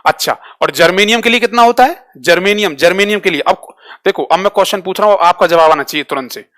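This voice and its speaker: Guy teaching online, keeps asking the same question over n over, bit high voice. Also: fairly bright tone. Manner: drills students with repeated quick questions; switches between Hindi and English terms. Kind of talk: live online class quiz.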